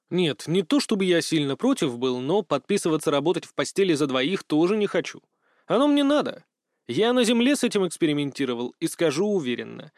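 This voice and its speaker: A man's voice: on the high side, no room sound, studio quality. A man narrating a first-person audiobook in a matter-of-fact, wry way.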